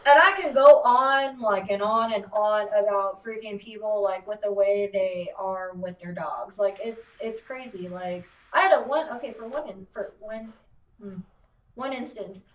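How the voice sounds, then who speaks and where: A woman who works as a dog groomer, telling stories in casual podcast chat, animated and profane, saying "like" constantly. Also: mid-range voice, measured pace, far from the mic. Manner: animated, profane, heavy use of "like". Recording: roomy sound, voice off-mic.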